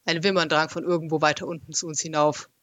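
This is a quick-paced, audiobook-style telling of a first-person adventure, delivered by a man whose voice is fairly high. He narrates with liveliness and expression, and the close, dry recording carries no echo.

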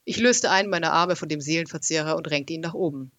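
A man narrates a first-person adventure story like an audiobook, telling it in a lively and expressive way. His voice is fairly high for a man. The recording is close and dry, with no room sound. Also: fast, no echo.

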